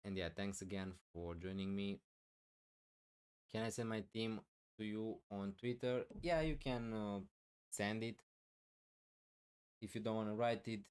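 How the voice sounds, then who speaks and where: This fantasy football streamer, a man with a low, smooth and clear voice, answers chat questions live, talking loudly and thinking aloud with lots of fillers. His voice is wearing thin, and he clears his throat as he loses it.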